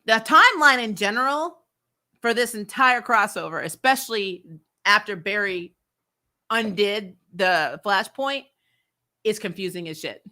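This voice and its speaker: Hosting a TV show recap channel, this woman speaks a little slowly at a medium pitch, with lively intonation and a sharp edge. She chats casually and bluntly, swearing in exasperation and hammering her opinions through repetition.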